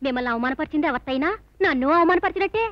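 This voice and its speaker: An actress playing a calm, coaxing sister-in-law in a film scene. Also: female voice, sits high, racing, no room sound, lightly acted. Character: gentle, soothing sister-in-law. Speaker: film character. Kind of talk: film dialogue. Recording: dull, lo-fi film soundtrack with music.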